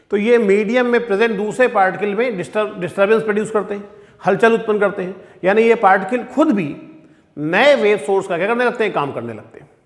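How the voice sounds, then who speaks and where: A physics teacher delivers a lecture in a fairly high voice, with a long reverb trailing after his words. He works through the ideas step by step, keeps checking in with his class, and poses questions before answering them himself. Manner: explains step by step with repeated check-ins.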